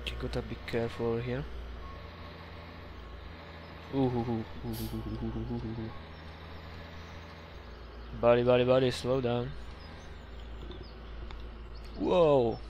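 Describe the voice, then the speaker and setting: A young man with a Slovak accent, a gaming YouTuber, wanders casually through his farming-game let's-play, chatty, laughing, with some mild swearing. He speaks in a flat mid-range voice at a measured pace, pausing often. Engine noise and game sounds play behind.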